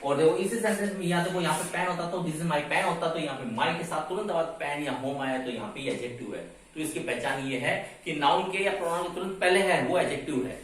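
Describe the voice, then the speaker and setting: A man's voice: fairly high pitch, fast, hardly any pauses, fairly bright tone, slight background noise. A man teaching an English grammar lesson, explaining step by step and asking and answering his own questions. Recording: echoey room from a distance.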